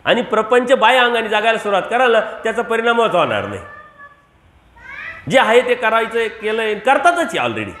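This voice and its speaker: A man's voice: very high voice, very animated, moderate pace, fairly bright tone. A male Marathi preacher giving a devotional sermon, asking the audience rhetorical questions and repeating key phrases for emphasis. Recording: echoey room.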